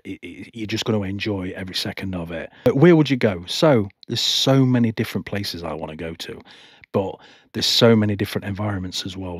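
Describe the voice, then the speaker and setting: A man's voice: fairly low pitch, breathy edge, no echo, studio quality. A man vlogging about motorcycling from home, answering viewer questions in a nervous, rambling way with many restarts. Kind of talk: casual talk to camera, reading viewer questions. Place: home, not a studio. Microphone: home microphone.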